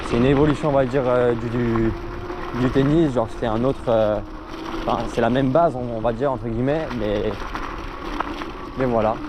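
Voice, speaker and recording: A man's voice: mid-range voice, steady tone, normal speed, pauses often. A young adult man chatting casually and enthusiastically, in an informal slangy way, as he vlogs from an electric scooter. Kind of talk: casual ride-along vlog chat. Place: outdoors, riding through streets and forest. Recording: noisy outdoor ride, vehicle and wind noise.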